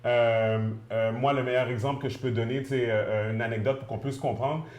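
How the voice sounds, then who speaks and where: A man's voice: medium pitch, fairly even intonation, fairly quick, darkish tone. A man in a casual panel discussion, talking in a thoughtful, rambling way with many fillers. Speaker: panel guest. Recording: echoey room.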